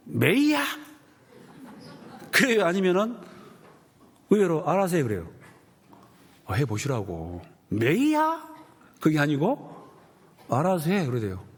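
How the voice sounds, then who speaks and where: Husky-voiced pastor preaching animatedly. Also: male voice, mid-range voice. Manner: animated storytelling, acting out quoted voices. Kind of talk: sermon.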